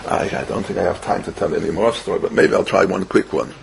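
A man's voice: sits low, fairly even intonation, fast talker, gravelly, noisy background. An older man giving an informal religious lecture as a rabbi, repeating phrases and answering his own questions. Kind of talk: informal religious lecture with stories and Hebrew quotes.

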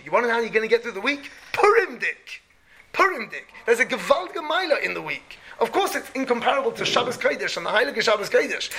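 A man's voice: sits high, bright, forceful tone. A man giving a religious lecture like a rabbi, emphatic, repeating key phrases and posing rhetorical questions. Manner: emphatic, repeats key phrases, peppers speech with Hebrew and Yiddish terms.

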